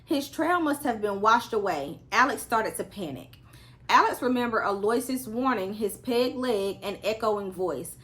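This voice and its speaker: A woman's voice: medium pitch, lively intonation, a little slow, a bit bright. A woman reading a children's story aloud as a storyteller, acting out the characters' lines expressively.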